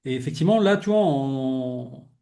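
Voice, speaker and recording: A young adult man hosts a podcast, chatting casually and reflectively as he shares personal thoughts with a guest in a heartfelt conversation. He rambles, often restarts sentences, and fills gaps with "tu vois." His medium-pitched voice is animated, creaky and warm, at normal speed.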